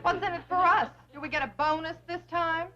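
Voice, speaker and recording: Wisecracking secretary, high voice, dull old tv audio. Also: female voice, fairly even intonation, a little fast, crowd noise, background noise. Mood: sassy. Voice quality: sassy, wisecracking. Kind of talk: 1960s sitcom acting.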